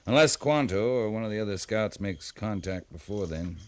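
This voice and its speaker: Actor as a low-voiced, laconic cavalry captain. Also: male voice, expressive, normal speed, natural voice. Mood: low, matter-of-fact. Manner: laconic, authoritative, matter-of-fact. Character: seasoned, terse US cavalry captain in the frontier West. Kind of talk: old-time radio western acting.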